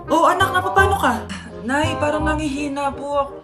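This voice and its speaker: Lady doing all the parts in funny skits, high voice, yells then goes soft, music under it. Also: fairly quick. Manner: switches between shouted scolding and soft childish voices. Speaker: comedy sketch creator. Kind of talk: comedic skits voicing every character.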